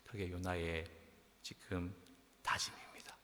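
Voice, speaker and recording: A middle-aged man preaching a sermon as pastor, animated, acting out dialogue with sudden loud outbursts. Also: low voice, a little slow, in a whisper. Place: church sanctuary. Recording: long hall reverb.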